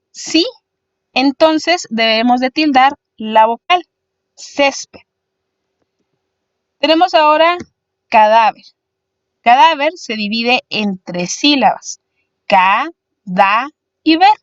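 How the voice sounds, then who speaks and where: Slow, patient high-voiced woman teacher. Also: dry recording, muffled recording. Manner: slow, patient, step-by-step explaining. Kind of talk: explanatory spelling lesson.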